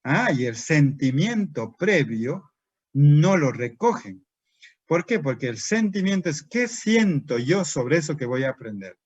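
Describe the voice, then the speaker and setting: A man's voice: a little high, sing-song, unhurried, a little mellow, breathy edge, dry recording. Man, teacher trainer, lecture, rhetorical questions, muffled lo-fi audio. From Peru. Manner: asks and answers his own rhetorical questions. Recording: dry, dull lo-fi recording.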